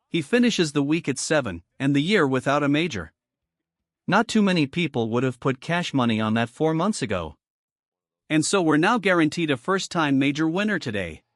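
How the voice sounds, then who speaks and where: Wry male golf highlights narrator, dry close sound. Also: a bit bright, no room sound. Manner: wry, colloquial storytelling. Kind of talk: scripted sports highlights narration.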